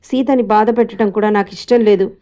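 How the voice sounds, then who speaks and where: A woman doing a gentle, caring young husband. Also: mid-range voice, steady tone, fairly quick, natural voice. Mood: earnest. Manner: soft, concerned questioning.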